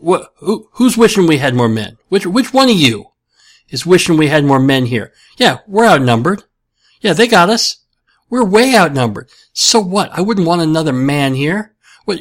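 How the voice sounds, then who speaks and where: A man playing a defiant war leader with a Brooklyn lean, rallying outnumbered troops. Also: a little high.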